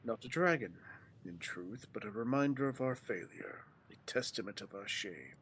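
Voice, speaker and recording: A man's voice: lowish voice, lively intonation, moderate pace, fairly bright tone, slight background noise. A man voicing a weary ancient male dragon in a game, speaking in grave archaic lines and stumbling now and then as he reads them cold. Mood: solemn. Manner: archaic solemn delivery with stumbles from reading on the fly.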